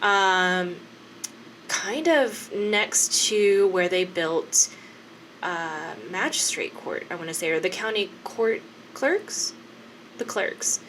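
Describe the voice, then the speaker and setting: A woman's voice: on the low side, expressive, slow pace, fairly bright tone. Woman podcast cohost, thirties, rambly and laughing a lot, bit of hiss behind. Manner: chatty, laughs often, many fillers. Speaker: podcast co-host. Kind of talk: casual chat.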